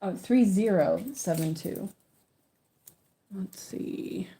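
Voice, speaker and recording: Working on a stitching project, a woman living in Sweden talks slowly in a warm, slightly rough mid-range voice. She hosts a stitching channel and chats casually, rambling and often restarting. English is her first language, and she comes from an English-speaking country.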